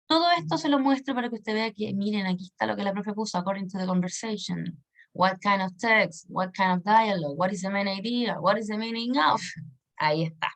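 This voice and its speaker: A woman, an English teacher giving a recorded lesson. She repeats words slowly and keeps checking that her students are following. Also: medium pitch, vocal fry. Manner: patient, checks understanding with frequent tag questions.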